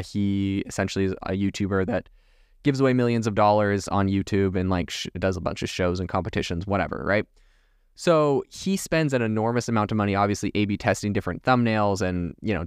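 A man's voice: lowish voice, smooth, dry recording, studio quality. A man hosting a solo podcast, talking casually with many fillers like "like" and "you know". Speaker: podcast host.

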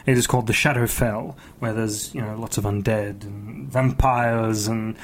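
A man's voice: on the low side, steady tone, normal speed, slight background noise. A man co-hosting a casual conversation, talking enthusiastically about his hobby in a rambling, storytelling way. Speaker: podcast co-host.

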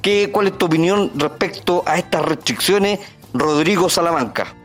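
A man's voice: on the high side, moderate pace, fairly bright tone, faint music behind. A man hosting a podcast discussion and asking guests questions. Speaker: podcast host.

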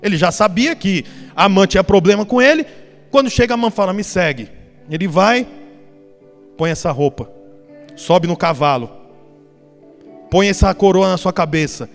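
A man's voice: sits high, lively intonation, moderate pace, long pauses. A man preaching a sermon, retelling a story animatedly and acting out the characters. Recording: long reverb, soft music behind.

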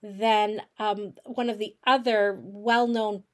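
A woman's voice: mid-range voice, steady tone, takes it slowly. A woman instructor giving a casual, chatty recorded lecture to her course, with frequent fillers. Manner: chatty, many fillers and restarts. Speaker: college instructor.

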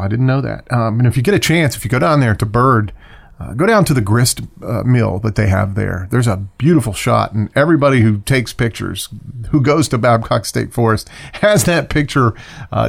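Brief: male podcast host, casual and rambling, mid-pitched, lively intonation. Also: creaky. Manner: chatty, rambling, with self-corrections and short rants. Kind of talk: casual solo podcast talk.

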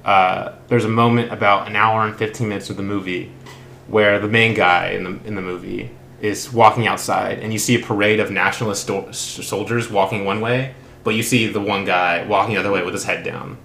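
A man's voice: lowish voice, steady tone, brisk, creaky, pushed and bright, reverberant, a little hiss or hum. A man co-hosting a casual film podcast, rambling with many restarts and fillers. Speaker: podcast co-host.

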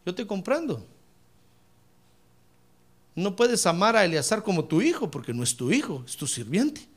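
A man acting out God as a calm, reassuring father figure, speaking gently and softly during sermon storytelling. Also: sits high, normal speed. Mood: soothing. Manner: gentle, soothing, hushed.

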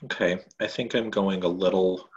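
Low-voiced male co-host, casual and chatty, explains rules plainly. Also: steady tone, normal speed, a little mellow, highs cut off. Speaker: podcast co-host. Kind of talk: casual chat.

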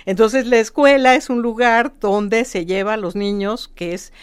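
Smooth-voiced woman explaining history. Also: a little high, normal speed. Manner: lively storytelling with repeated "¿no?" tags. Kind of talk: casual conversational explaining.

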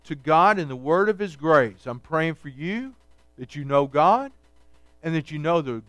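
A man's voice: fairly high pitch, lively intonation, unhurried, fairly bright tone, dry recording. A man preaching a midweek Bible study sermon, reading scripture aloud and explaining it conversationally, often checking in with "okay" and "all right". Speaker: pastor.

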